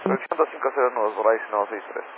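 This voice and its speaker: Low-voiced pilot over headset radio. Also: male voice, lively intonation, very fast. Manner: clipped, terse readbacks. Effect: cockpit headset radio transmission. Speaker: airline pilot. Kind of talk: air traffic radio readbacks. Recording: narrow tinny radio channel with faint static.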